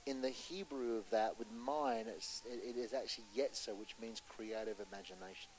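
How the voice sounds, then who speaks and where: Impassioned male preacher, loud then hushed. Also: fairly low pitch, steady tone, moderate pace, a little hiss or hum, low-quality recording. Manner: impassioned, swinging between loud urgency and hushed storytelling; asks the audience rhetorical questions. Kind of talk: sermon.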